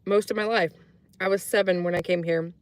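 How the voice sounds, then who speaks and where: Over slight background noise, a Croatian live streamer chats fairly quickly in a low, steady voice. She rambles through casual stories for her chat, filling them with fillers and acted-out quotes.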